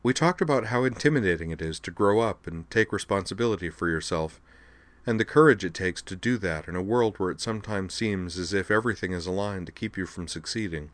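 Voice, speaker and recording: A man voicing a defiant young woman who speaks with earnest, measured resolve before a board in an audiobook. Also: deep voice, no room sound, natural voice. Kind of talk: audiobook dialogue.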